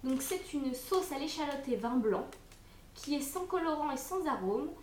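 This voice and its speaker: A young woman with a high voice talks through a box of food products, chatty and a little hesitant, pausing on fillers as she goes. Her voice rings in an echoey room at home, with a faint hum behind it. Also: animated, darkish tone. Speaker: unboxing vlogger. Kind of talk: casual product review.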